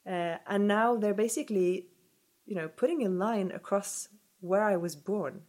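Woman researcher on a podcast, mid pitch, lots of uh and sort of, thinking out loud. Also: unhurried. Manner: thoughtful, many fillers and hedges. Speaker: researcher guest. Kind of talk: podcast interview.

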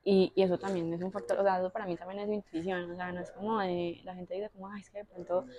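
A young woman with a Colombian accent talks fast as a podcast guest. She tells personal stories casually, lively and full of fillers, acting out her own thoughts as quotes. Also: fairly low pitch. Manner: animated, with frequent fillers and quoted inner voices. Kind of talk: casual conversational storytelling.

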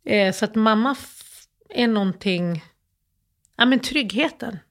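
Grieving woman guest, halting emotional storytelling, lots of false starts. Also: medium pitch. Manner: halting, emotional, many restarts and fillers. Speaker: interview guest. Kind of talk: personal storytelling in an interview.

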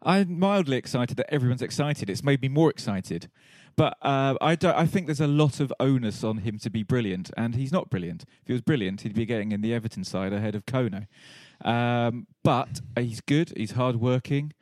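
A man's voice: mid-range voice, normal speed, hardly any pauses, a little mellow, no echo. A man co-hosting a football podcast, talking in a laid-back, analytical way and laughing often. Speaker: podcast co-host. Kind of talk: casual football chat.

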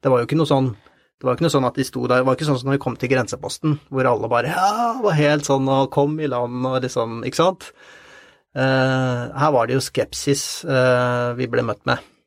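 A man telling a story in an interview, halting and repeating words with many fillers. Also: mid-range voice, no echo, clean studio sound. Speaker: interview guest. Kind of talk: conversational storytelling.

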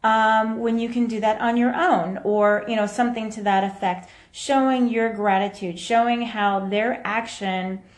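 A woman's voice: a little high, steady tone, a little slow, hardly any pauses. A woman hosting a casual livestream of parenting advice, speaking in a room with a big hall-like echo. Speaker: podcast host and parenting coach. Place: echoing room.

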